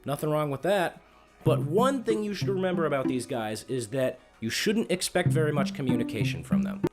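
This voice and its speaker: A man's voice: on the high side, expressive, a little fast. A man narrating a scripted comedic video in a conversational way. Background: loud guitar music.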